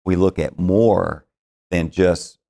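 A middle-aged man with a low, gravelly voice talks in a TV studio interview. He tells stories in a rambling way, restarting his sentences and acting out the lines he quotes. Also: steady tone, slow pace, warm tone. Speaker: financial planner, show founder. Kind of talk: casual studio interview storytelling.

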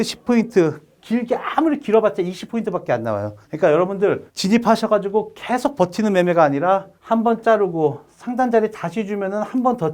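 A man teaching a trading lesson over charts in a brisk, coaching way, often asking the viewers questions. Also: sits high, darkish tone. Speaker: trading instructor. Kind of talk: screen-recorded chart lesson.

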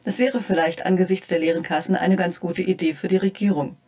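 An older woman, a psychotherapist and health coach, narrating a scripted lesson in a friendly, gently playful way, addressing the viewer directly. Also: lowish voice, fairly even intonation, fairly quick, muffled recording.

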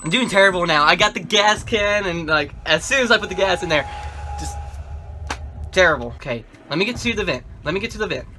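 A young man gives casual let's play commentary, thinking aloud as he goes. His voice is fairly high, bright and lively, with faint noise behind it. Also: brisk. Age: young adult. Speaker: gamer playing a horror game with facecam.

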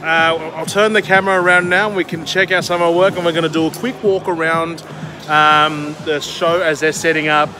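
Music plays in the background as a man vlogs his way around an aquarium expo with a handheld gimbal camera, chatty and upbeat, hurrying from booth to booth. His pitch is fairly high and his intonation fairly even, and the big indoor hall is noisy with chatter.

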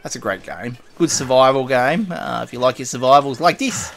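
A man's voice: mid-range voice, lively intonation, normal speed, a little hiss or hum. A man giving casual, rambling commentary while playing a survival game, muttering item names and laughing to himself. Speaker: gaming video host.

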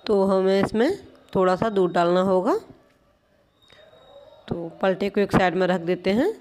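Standing at a gas stove in her home kitchen, a woman who hosts a home cooking channel explains a home recipe step by step. She is patient and explanatory, constantly pointing things out. Her voice is medium in pitch and darkish, and she speaks unhurriedly.

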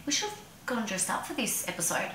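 An Australian woman co-hosting a casual chat, quick to agree and chiming in often. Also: fairly high pitch, very animated, pushed and bright. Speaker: co-host. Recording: echoey room.

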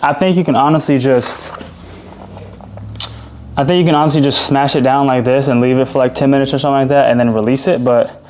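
A man's voice: medium pitch, steady tone, a little fast, a little mellow, a little hiss or hum. A young man casually talking through a DIY car repair as he works, laid-back and swearing now and then. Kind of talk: casual hands-on narration.

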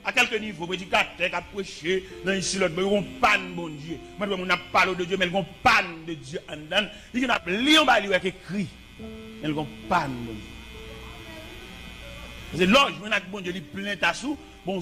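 Man, sermon, high pitch, impassioned with shouts, faint music behind. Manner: impassioned, rising to shouts and short sung lines. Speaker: preacher.

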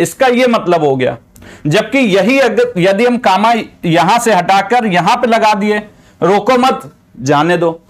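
A man with a fairly high voice delivers an exam-preparation lecture. He explains patiently, restating each point in several ways before moving on. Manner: explanatory, repeats and rephrases points. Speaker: teacher.

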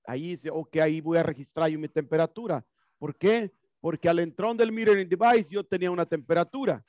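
This HVAC instructor, a man in his thirties, delivers a classroom lecture through a headset mic, asking questions and answering them on his own in an explanatory way. He speaks briskly, his pitch fairly high and his tone a little mellow. The room has whiteboard and HVAC equipment, and the recording is dry.

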